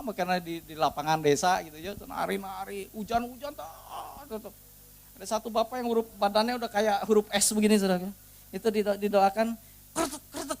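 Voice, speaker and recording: A middle-aged male preacher with a Sundanese-tinged Indonesian accent tells a story in a sermon. He keeps calling his listeners "saudaraku" and moves between soft asides and loud, fervent exhortation. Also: sits high.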